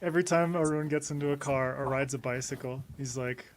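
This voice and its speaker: A man's voice: mid-range voice, steady tone, brisk, crowd noise. A man chatting informally and emphatically on a livestream, with playful banter. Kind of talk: casual livestream chat.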